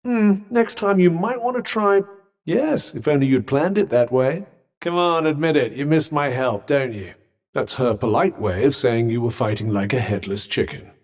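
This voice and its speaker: A man's voice: medium pitch, normal speed, natural voice. A British man voicing a haughty, disembodied magic cuff, a pompous, dry and sarcastic video game companion who speaks eloquently. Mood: teasing, impatient, then sardonic. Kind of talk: scripted video game voice lines.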